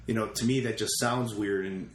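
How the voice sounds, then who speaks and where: A man's voice: lowish voice, fairly even intonation, normal speed. A man, a real estate investor guest, casually telling stories and retelling his conversations with quoted lines. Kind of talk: casual storytelling interview. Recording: roomy echo with faint ambient noise.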